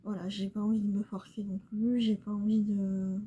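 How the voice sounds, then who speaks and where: A young woman talking casually while doing her makeup at home, soft-spoken and halting, full of pauses and fillers. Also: mid-range voice, level tone, husky. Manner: hesitant, halting, many fillers; soft and subdued. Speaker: beauty vlogger. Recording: slightly dull recording, faint room ambience.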